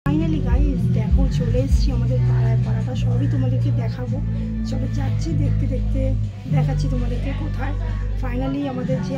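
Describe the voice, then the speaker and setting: High-pitched woman vlogger in her thirties, chatty and eager, phone-filmed walk-and-talk. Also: highs cut off. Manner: chatty, keeps urging viewers to look. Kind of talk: casual walk-and-talk vlog. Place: residential lanes, then a home.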